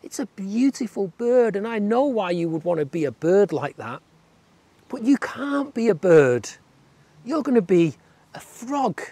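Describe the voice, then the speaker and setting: Brief: storyteller as a gentle old hedgehog, calm and kind, slow, with a gravelly, husky voice. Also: medium pitch, no room sound, pitched above the performer's own voice. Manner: patient, kindly, soothing.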